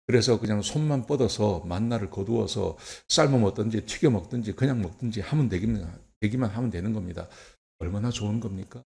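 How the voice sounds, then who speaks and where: The sermon comes from a man serving as pastor in a church, his voice lowish and creaky and his pace brisk. He talks conversationally, uses rhetorical questions, and shifts from gentle to forceful.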